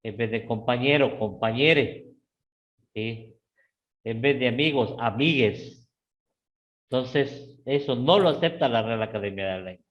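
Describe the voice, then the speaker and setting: Ecuadorian Spanish teacher checking in with "¿sí?". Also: male voice, normal speed, lo-fi sound. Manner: repeats "¿sí?" and "¿no es cierto?" to check on students; lively, with sudden rises in pitch. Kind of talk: live class lecture.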